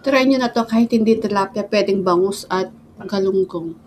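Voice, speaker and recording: A woman's voice: medium pitch, normal speed, darkish tone. A Filipino woman hosting a mukbang vlog, chatting casually and chewing while she talks. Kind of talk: casual chat while eating. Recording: clear background noise.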